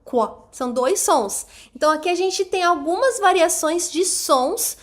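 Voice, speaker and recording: A woman with a Brazilian Portuguese accent teaching an online lesson, sounding out letters slowly and repeating them for the listener. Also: very high-pitched, animated. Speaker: English teacher trainer.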